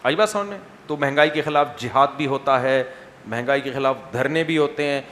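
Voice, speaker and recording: A man's voice: mid-range voice, a bit bright, slight background noise. A male Islamic scholar answering questions bluntly and wryly, often checking that his listeners understand. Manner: blunt, wry.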